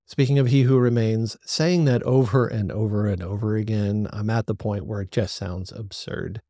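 Low, mellow-voiced man hosting a review podcast. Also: fairly even intonation, normal speed, dry recording, studio quality. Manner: opinionated, analytical, talks things through aloud. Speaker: podcast host reviewing a TV series. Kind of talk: solo review podcast monologue.

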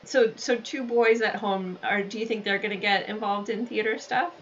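A woman's voice: medium pitch, steady tone, moderate pace. A woman interviewing an actor, asking friendly questions and laughing often. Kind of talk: casual interview. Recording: dull lo-fi sound with faint ambient noise.

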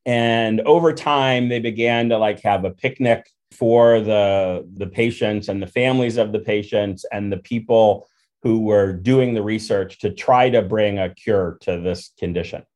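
A man hosting an interview, explaining his points in a measured, thoughtful way. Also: lowish voice, darkish tone. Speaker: podcast host. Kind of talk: conversational interview.

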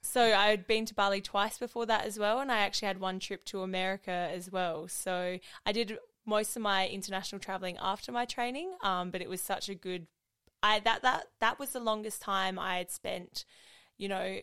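A woman's voice: mid-range voice, steady tone, normal speed, fairly bright tone, smooth. A young adult woman chatting as a podcast guest in an informal, earnest way. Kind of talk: casual chat.

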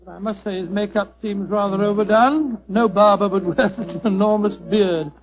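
A man's voice: high-pitched, moderate pace, music in the background. A man playing a genial, easily astonished doctor with an English accent, fussy and bluff, in old radio narration and drama. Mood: fussy, amused. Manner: fussy, bluff, exclamatory storyteller. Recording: noisy, dull vintage radio recording.

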